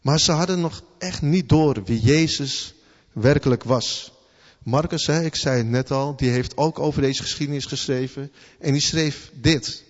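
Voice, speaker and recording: A man's voice: medium pitch, measured pace. A man giving a sermon in a loose, conversational way, asking rhetorical questions and often repeating words as he thinks aloud. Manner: informal, conversational preaching with rhetorical questions and "hè" tags. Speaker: preacher. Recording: long hall reverb, slightly dull sound.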